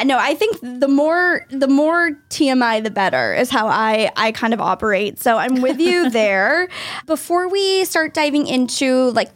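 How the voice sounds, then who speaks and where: A podcast host chats with her guest in a bubbly, enthusiastic way during a casual interview. Her voice is high and the recording is dry.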